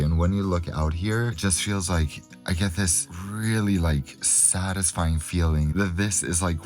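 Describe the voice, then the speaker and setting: A man's voice: low-pitched, darkish tone. A man from Europe talking casually and narrating as a travel vlogger. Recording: music in the background. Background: music.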